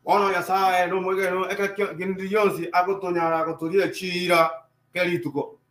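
High-voiced man interpreting a sermon. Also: flat delivery, moderate pace, fairly bright tone. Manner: echoing each line in call and response. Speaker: church interpreter.

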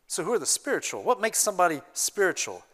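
A youth pastor preaching a sermon in his church, his voice high and bright, with a sharp, forceful edge. He swings between hushed, earnest passages and emphatic pushes. It is a steady pulpit delivery, not a chat. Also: fast. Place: church sanctuary.

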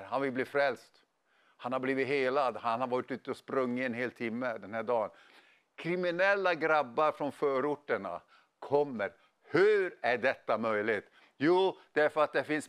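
A middle-aged man preaching a sermon, telling stories in an animated way with casual slang. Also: mid-range voice, clear, resonant tone. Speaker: pastor. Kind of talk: sermon with storytelling.

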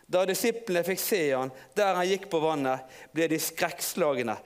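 A man preaching in an informal storytelling way, halting and restarting often. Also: on the high side, smooth. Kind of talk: sermon.

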